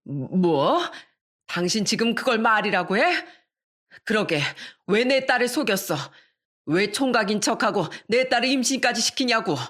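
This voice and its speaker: A woman voicing a fiercely protective older mother who shouts in fury at her daughter's in-laws. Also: on the high side, expressive, measured pace, voice pushed up. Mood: furious. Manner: shouting, furious.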